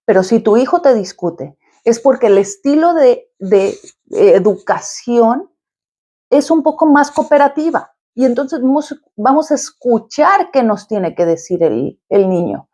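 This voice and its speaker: A woman's voice: fairly high pitch, very animated, unhurried, dark tone. A woman therapist speaking straight to her viewers in an advice video, explaining step by step in an encouraging way. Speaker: quantum therapist.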